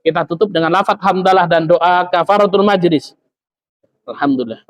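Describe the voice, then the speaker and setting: A man's voice: high-pitched, moderate pace, poor audio. A man giving a religious study lecture as an Islamic teacher, talking in a conversational way with frequent tag fillers. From Lampung, Indonesia.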